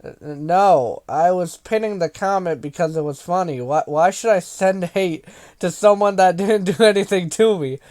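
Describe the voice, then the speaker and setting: A man with a high-pitched voice delivers casual video commentary. He reads out viewer comments and rebuts them in a sarcastic, exasperated manner, talking straight to his audience. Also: normal speed, darkish tone. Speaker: video creator reading and answering viewer comments.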